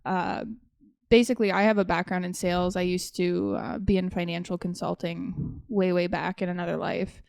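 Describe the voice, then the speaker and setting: Woman podcast host, young adult, smooth clear voice, dry close sound, chatty with fillers. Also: on the low side, little pitch movement, normal speed, darkish tone, dry recording. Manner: chatty, with fillers and self-corrections. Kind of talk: casual podcast chat.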